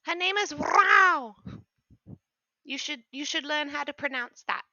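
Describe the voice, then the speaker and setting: A woman playing a cheerful, scatterbrained adventurer in a tabletop game, chatty, polite and a little halting. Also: high voice, bright, forceful tone, highs cut off, voice pushed up, full character voice. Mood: bright, chatty.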